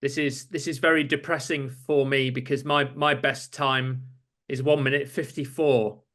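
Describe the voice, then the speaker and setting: A man's voice: medium pitch, little pitch movement, normal speed, fairly bright tone. A man interviewing a former runner, asking friendly, self-deprecating questions in a casual conversation. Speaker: interviewer, athletics journalist.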